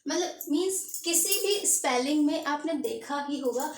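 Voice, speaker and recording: A woman's voice: sits high, animated, moderate pace. A woman teaching an English grammar lesson in Hindi and English, explaining step by step and checking in with "okay". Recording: echoey room, distant mic, faint noise.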